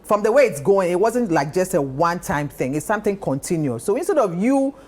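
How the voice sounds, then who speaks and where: A woman on a talk panel, telling stories in a lively, insistent way and repeating her points. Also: on the low side, fairly quick. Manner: animated storytelling, repeats phrases. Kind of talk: casual chat.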